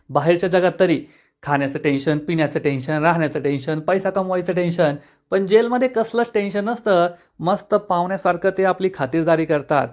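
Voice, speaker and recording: A man's voice: high voice, darkish tone, natural voice. A man voicing a cocky drunk male thug in a retold TV serial, mocking and swaggering.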